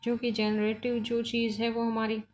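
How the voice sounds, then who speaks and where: A woman's voice: a little high, completely flat delivery, normal speed. A woman teaching phonology for exam preparation, mixing Hindi with English in Indian-accented English. She explains step by step and keeps checking that her students follow. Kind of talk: bilingual exam-prep lecture.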